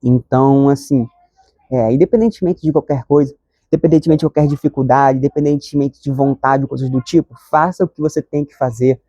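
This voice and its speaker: Earnest young man, mellow voice. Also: mid-range voice, fairly even intonation, brisk, no room sound, highs cut off. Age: 20s. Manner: earnest, conversational, frequent "sabe?" tags. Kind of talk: reflective devotional talk to camera.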